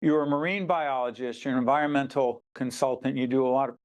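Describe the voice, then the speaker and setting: A man from Newark, New Jersey hosts an author interview, speaking quickly at medium pitch with a steady tone, though the recording's highs are cut off. His manner is emphatic and interjecting, and he controls the flow of the talk.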